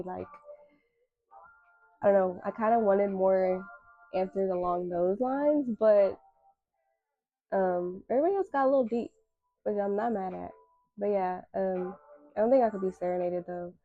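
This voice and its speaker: A woman's voice: medium pitch, normal speed, pauses often, no room sound, phone-quality sound, soft background music. A woman in her twenties hosting a casual solo talk, candid and slangy, with emphatic repetition. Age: 20s. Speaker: podcast host.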